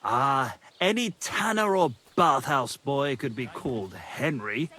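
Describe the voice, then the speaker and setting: A man's voice: mid-range voice, expressive, slow, sharp tone. An actor playing a pompous, lovesick male troubadour poet in a video game, theatrical and scornful of anyone he thinks a boor. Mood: lofty. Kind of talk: video game cutscene acting.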